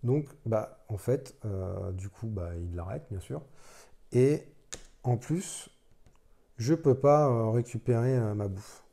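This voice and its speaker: A man's voice: fairly low pitch, takes it slowly, vocal fry, dark tone. A man casually playing a solo board game, thinking aloud as he explains the rules, with self-deprecating asides.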